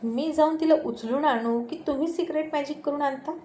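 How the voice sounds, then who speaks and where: A woman's voice: high voice, a little fast, echoey room, noisy background, pitched above the performer's own voice, lightly acted. A woman voicing a cheerful, teasing young man speaking to his parents. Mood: playful. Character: cheerful young man, playful grown son.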